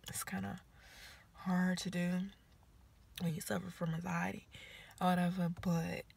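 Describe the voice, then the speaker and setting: A young woman talks to her viewers in a loose, rambling way, her voice fading and slipping into a half-whisper. It sits low and has a gravelly, fry-heavy edge. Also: little pitch movement, measured pace, a little mellow. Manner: chatty, rambling, often dropping to a half-whisper. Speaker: vlogger. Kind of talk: casual chat to viewers. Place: inside a house.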